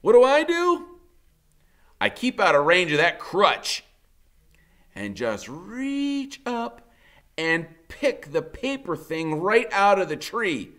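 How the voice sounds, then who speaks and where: Standing before a whiteboard in a classroom, this fifty-something American teacher reads a first-person story in a high, slightly bright voice whose pitch swoops wildly. He sounds dramatic yet conversational, stretching out important words.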